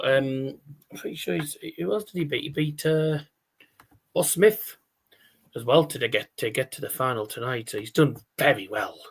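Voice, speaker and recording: A man giving casual live darts commentary as a stream host, chatty and rambling, with scores called out like a darts caller. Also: medium pitch.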